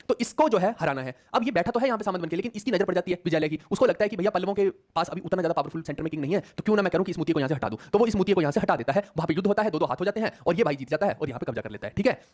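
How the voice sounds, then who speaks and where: A man teaching history in a Hindi online class, his voice a bit higher than most and racing along at a very quick clip. He mixes English terms into his Hindi and keeps tossing "है ना?" at his students. He breaks off to tease them before diving straight back into exam points. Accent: Hindi with English words mixed in. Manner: rapid, teasing, repeatedly checks in with "है ना?"; jokes with students mid-lesson.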